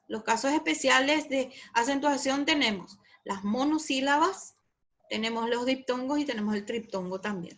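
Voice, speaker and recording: A woman's voice: high-pitched, fairly bright tone. A woman teacher with a Paraguayan Spanish accent giving a recorded class lecture, explaining patiently, repeating examples and checking with her students.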